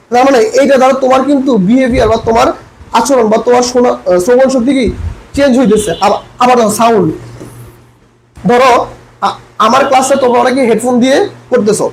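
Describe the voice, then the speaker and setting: High-pitched fast Bangladeshi tutor. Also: male voice, a little hiss or hum, poor audio. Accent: Bangladeshi Bengali. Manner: questioning, repeats points, addresses students as brothers. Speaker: admission coaching lecturer. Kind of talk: online English grammar lesson. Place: his room, teaching an online class.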